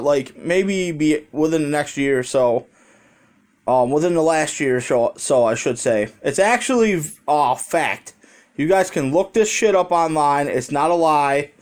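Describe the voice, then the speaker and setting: An American man with a voice on the high side tells a story as a vlogger into a handheld phone. He rambles conversationally and swears casually.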